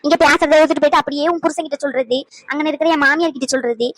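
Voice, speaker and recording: A woman's voice: high-pitched, fairly even intonation, no echo, poor audio. A woman voicing a stern grandmother and mother-in-law who grumbles and scolds in a cartoon. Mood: scolding. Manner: sharp, grumbling, rapid scolding. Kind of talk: cartoon voice acting.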